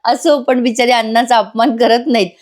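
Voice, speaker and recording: A woman recaps a TV serial episode in a chatty voice-over and talks straight to her viewers. Her voice sits a little high and sounds amused. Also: fairly even intonation, moderate pace, a little mellow. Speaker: serial reviewer.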